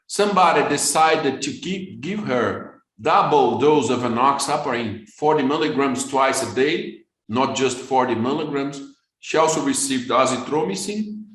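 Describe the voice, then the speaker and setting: This vascular surgeon, Brazilian-accented and lecturing in non-native English, speaks fast in a webinar and keeps repeating words as he restarts. His medium-pitched voice is expressive and a bit bright, captured in a rough recording from an echoey room.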